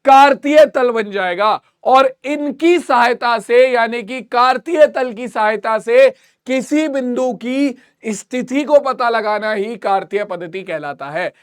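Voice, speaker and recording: A man with a high voice teaches a math lesson. He repeats each point and asks his students questions to check they follow. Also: smooth.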